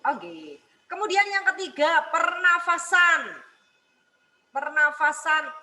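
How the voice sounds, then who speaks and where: A woman's voice: sits high, big pitch swings, slow, pushed and bright, rough recording. A woman teacher explaining singing technique step by step, repeating each point and checking in with a questioning "ya". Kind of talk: music lesson broadcast.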